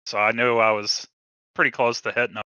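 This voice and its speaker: A man speaking in a post-race interview as the runner-up, relaxed and friendly, a bit halting. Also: medium pitch, clear, resonant tone, no room sound, muffled recording. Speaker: second-place racer.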